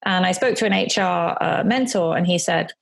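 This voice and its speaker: A woman's voice: fairly low pitch, moderate pace, vocal fry. A woman, answering interview questions chattily with frequent ums and self-corrections. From England. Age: 40s. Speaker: guest, coach and author.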